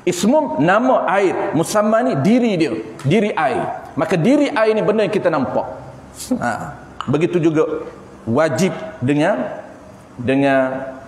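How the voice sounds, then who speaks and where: A man's voice: medium pitch, a little mellow. Malaysian male teacher, religious class, repeats key terms, long reverb, faint background hiss. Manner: explanatory, repeats key terms, asks and answers his own questions. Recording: echoey hall with faint background noise.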